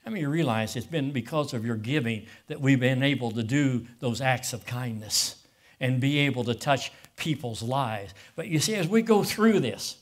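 A man's voice: mid-range voice, expressive, moderate pace. A middle-aged man from preaching a sermon as pastor, emotional and passionate, often repeating words as he goes.

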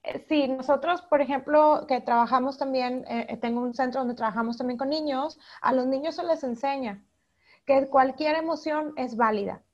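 Mexican woman, psychologist, high voice, dull recording, explanatory. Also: moderate pace. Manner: warm, explanatory, acts out quoted speech. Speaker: psychologist guest. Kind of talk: interview answers.

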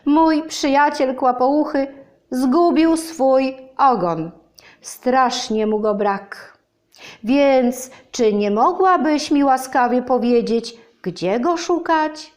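A woman's voice: sits high, slow, a little mellow, pitched above the performer's own voice. A woman voicing a small-brained, humble honey bear in a children's storybook reading, polite and timid. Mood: sad pleading. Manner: polite, timid, stumbles over long words.

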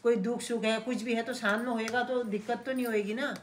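A woman's voice: a little high, steady tone, fairly quick. A middle-aged mother earnestly lecturing her son in casual family talk.

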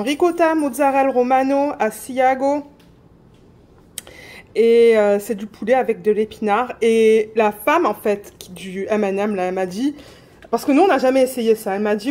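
A woman chatting excitedly on her home craft vlog, filling pauses with fillers and breaking into squeals. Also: on the high side. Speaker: diamond painting vlogger.

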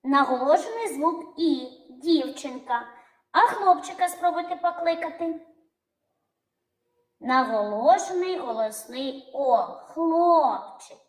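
A woman teaching young children, calling out words in a drawn-out sing-song way. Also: high-pitched, lively intonation, echoey room, poor audio. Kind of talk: children's lesson narration.

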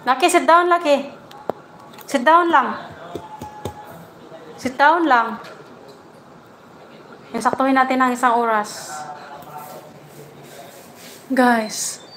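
Slow-talking woman chatting on a livestream. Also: high voice, fairly even intonation, fairly bright tone, a little hiss or hum. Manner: chatty, coos baby talk at her puppy. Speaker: livestream host. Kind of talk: casual livestream chat.

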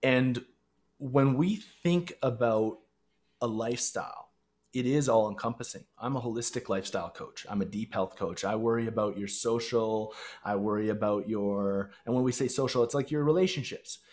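A man's voice: mid-range voice, normal speed, a little mellow. A man in his thirties, a fitness and lifestyle coach, giving earnest advice as a podcast guest on a video call through a headset. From Canada. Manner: earnest, coaching, talks straight to listeners. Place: small home room.

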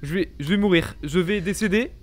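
A young adult man commentates a horror game excitedly, sounding panicky, jumpy, and sweary, his voice sitting high and a little fast. He's in a small home gaming room, wearing a headset, close to a desk microphone.

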